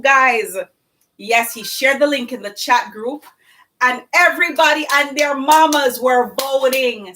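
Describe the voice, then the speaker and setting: Middle-aged woman, live cooking host, high bright voice, chatty and effusive with viewers. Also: poor audio. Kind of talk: live-streamed cooking chat.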